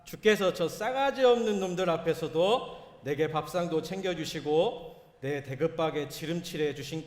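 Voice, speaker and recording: A man voicing a folksy, exuberant Jeolla dialect speaker who praises God with hearty, drawn-out exclamations. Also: fairly high pitch, close to an everyday voice. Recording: echoey church hall.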